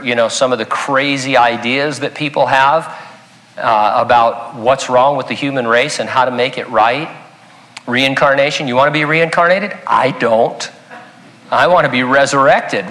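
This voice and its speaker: A man giving a sermon as pastor, talking in a conversational, emphatic way with quick asides. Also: medium pitch, fairly bright tone. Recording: long hall reverb.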